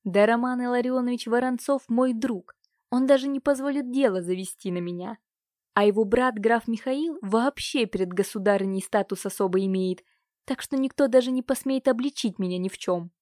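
A woman's voice: on the high side, normal speed, a little mellow, dry recording, studio quality, lightly acted. A woman voicing a cruel, domineering uncle who scolds and threatens his niece. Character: cruel domineering middle-aged uncle, man.

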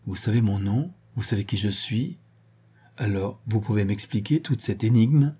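A man's voice: fairly low pitch, moderate pace, mellow, breathy edge. A man reading the part of an anxious, pleading young woman in an audiobook. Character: young woman seeking her lost son.

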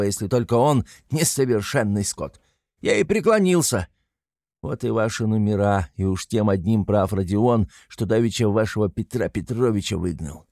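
A man voicing an excitable, tipsy young man who rants passionately in an audiobook reading. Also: mid-range voice, no room sound, clean studio sound, natural voice. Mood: gushing. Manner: ranting, passionate, exclamatory.

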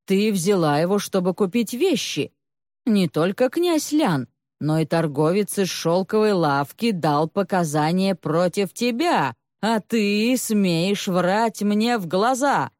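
A woman's voice: lowish voice, animated, slow pace, darkish tone, dry recording, studio quality. A woman doing a furious male palace official. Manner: roaring, menacing.

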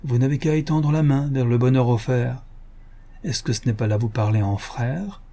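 A man's voice: medium pitch, normal speed, close to an everyday voice. A man voicing a silky, scheming tempter. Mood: coaxing. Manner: soft, coaxing, persuasive. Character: smooth-talking scheming male tempter, persuasive. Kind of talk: audiobook character voice.

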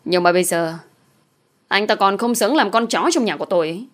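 A woman's voice: medium pitch, brisk, lightly acted. A woman reading a frightened, defiant young heroine. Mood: pleading. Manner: shouting, tearful defiance.

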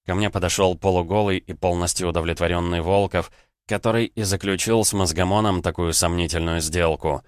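A male narrator reads first-person fantasy fiction at a steady, measured pace. His voice is deep, smooth and resonant. It is recorded close and dry, with no room echo. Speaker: audiobook narrator.

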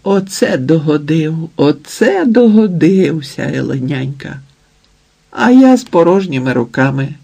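A man's voice: a little high, lively intonation, measured pace, gravelly, dark tone, breathy edge, voice pushed up, exaggerated voice. A man voicing a curious, gushing old nanny who pries into everything, in a storybook reading. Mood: nosy. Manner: gushing, prying.

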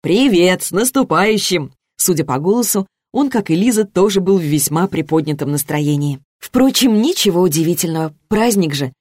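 A woman reading a novel aloud as an audiobook, in an even, measured narration. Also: on the low side, husky, no room sound, studio quality. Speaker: audiobook reader. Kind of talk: scripted narration.

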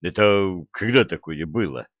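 A man's voice: deep voice, expressive, a little slow, fairly bright tone, no room sound, exaggerated voice. A man voicing a cheeky, brash young male royal gossip. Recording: dull lo-fi dry recording.

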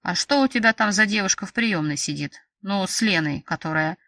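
A woman's voice: mid-range voice, expressive, brisk, bright, forceful tone, no room sound, far from the mic. A woman voicing an irritable, hot-tempered male employee who grumbles and snaps, in an audiobook. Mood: wary. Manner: grumbling, snappy.

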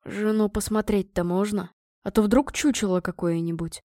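A woman voicing a crude, grubby male vagabond suitor in a low, whining, boorish voice. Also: steady tone, moderate pace, dark tone, no room sound, studio quality, lightly acted. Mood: haggling. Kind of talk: audiobook reading.

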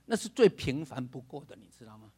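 An older male pastor preaching a sermon. He is dramatic, acts out other people's voices, laughs and shouts for emphasis. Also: mid-range voice, sing-song, fast, slightly rough.

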